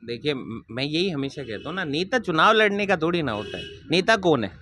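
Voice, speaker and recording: A man's voice: on the high side, sing-song, a little fast, pushed and bright, a little hiss or hum. A man, answering interview questions in an earnest, emphatic way. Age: 20s. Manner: earnest and emphatic, repeats promises. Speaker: interviewee, local political candidate.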